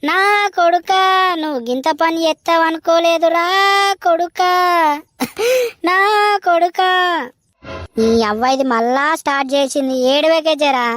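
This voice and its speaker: A woman's voice: extremely high pitch, steady tone, unhurried, pauses often, no room sound, studio quality. A woman doing a wailing Telangana village mother. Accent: Telangana Telugu. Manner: sobbing, repeated wailing cries. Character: wailing village mother, grieving over injured son.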